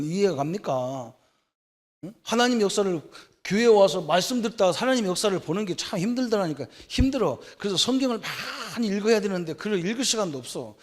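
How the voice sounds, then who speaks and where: Man preaching, pastor, high voice, talky, keeps asking the crowd to agree. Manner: conversational preaching, rhetorical questions, asks for agreement. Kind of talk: sermon. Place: church sanctuary.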